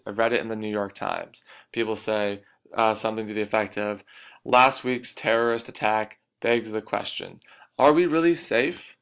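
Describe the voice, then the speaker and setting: A man's voice: on the low side, vocal fry, fairly bright tone. A man teaching a recorded lecture, explaining points and repeating the key ones.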